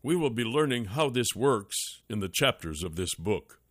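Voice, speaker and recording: A man narrating a nonfiction audiobook in a measured, deliberate reading style. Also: mid-range voice, very animated, fairly bright tone, faint music behind.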